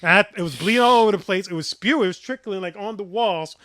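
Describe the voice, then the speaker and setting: Rambling young man, bright dry voice. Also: fast, no echo. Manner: rambling, filler-heavy, drops low when thoughtful. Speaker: podcast co-host. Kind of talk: casual chat.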